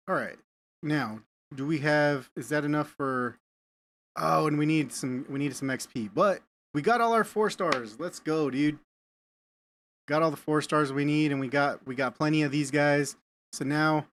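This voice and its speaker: A man with a slightly high, somewhat bright voice streams a game live, chatting casually with viewers. As he thinks aloud, he frequently repeats words.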